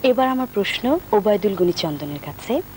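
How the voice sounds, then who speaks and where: Woman, Bangladeshi accent, TV interview host, formal, medium pitch, slight background noise. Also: expressive, a little fast, a little mellow. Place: television studio. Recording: noisy old TV studio tape.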